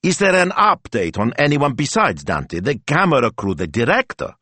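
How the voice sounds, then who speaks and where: A man voicing an eager, excitable young man who rushes breathlessly through his ideas. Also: medium pitch, slightly rough, no room sound, voice pushed up, exaggerated voice. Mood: busy, eager.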